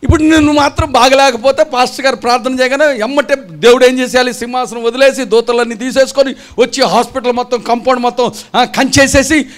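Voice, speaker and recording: High-voiced preacher scolding his flock. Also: fairly bright tone. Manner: scolding, rhetorical questions to the congregation; acts out churchgoers' voices mockingly. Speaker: pastor. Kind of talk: Telugu gospel sermon. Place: church gathering.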